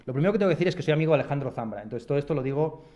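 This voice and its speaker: A man's voice: fairly high pitch, animated, racing, mellow. A man from Madrid with a Madrid Spanish accent, a philosopher reading a prepared lecture in a lecture hall, with wry, self-deprecating asides. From Madrid, Spain. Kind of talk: read-aloud lecture. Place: lecture hall at a university residence.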